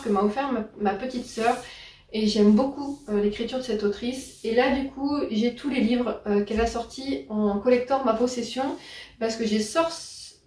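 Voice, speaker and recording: A woman's voice: on the high side, darkish tone. Chatty woman in a roomy room. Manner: chatty, many fillers and self-corrections. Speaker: book YouTuber. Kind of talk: casual book haul vlog. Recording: roomy, distant mic.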